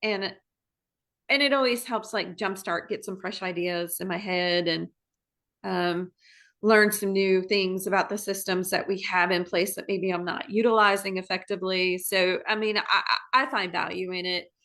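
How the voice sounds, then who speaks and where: A middle-aged woman from Maryland joins a podcast as a guest. Her voice is bright and forward, and she talks in a friendly, unhurried way, often pausing on fillers. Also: medium pitch. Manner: friendly, relaxed, many fillers and restarts. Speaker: guest real estate agent. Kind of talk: casual conversational interview.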